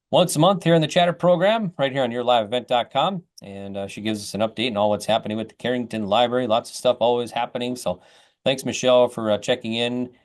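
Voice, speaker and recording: A man hosting a casual community interview program, with an informal, folksy way of talking. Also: mid-range voice. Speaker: host of a local chat program.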